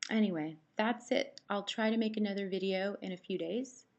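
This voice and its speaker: A woman's voice: mid-range voice, moderate pace, darkish tone, dull audio. A woman with a dry mouth, recovering after surgery, chatting casually to camera in a rambling, anecdotal way. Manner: rambling, anecdotal, acts out quoted exchanges. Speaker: vlogger. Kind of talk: casual chat to camera, personal storytelling.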